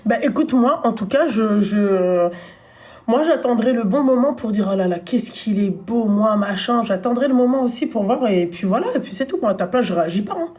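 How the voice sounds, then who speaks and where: A woman's voice: a little high, expressive, a little fast, warm tone. A woman hosting a live call, chatting casually and teasing her caller, often breaking into laughter. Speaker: live stream host.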